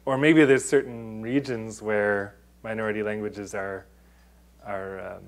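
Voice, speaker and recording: A man's voice: on the low side, steady tone, a little slow. A man giving an academic presentation, explaining step by step with many restarts and fillers. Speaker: presenter on data confidentiality. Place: lecture room.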